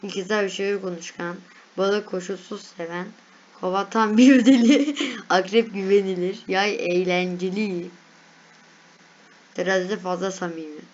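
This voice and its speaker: A woman's voice: on the low side, level tone, normal speed, highs cut off. A young woman casually reading and reacting to lists aloud, chatty and laughing at herself. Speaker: vlogger.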